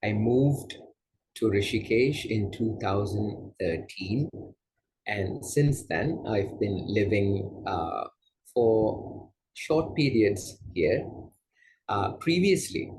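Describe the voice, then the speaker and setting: A man from Malaysia, a yoga teacher, answering interview questions in a gentle, unhurried way with soft fillers. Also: fairly low pitch, noisy background. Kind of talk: casual interview conversation.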